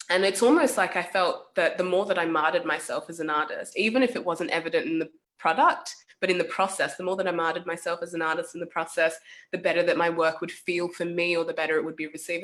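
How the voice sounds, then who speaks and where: Young woman from south sudan, low-ish voice, talks slow and thoughtful with lots of ums, video call. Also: fairly bright tone. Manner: thoughtful, hesitant, many fillers. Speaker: artist. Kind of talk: casual reflective talk.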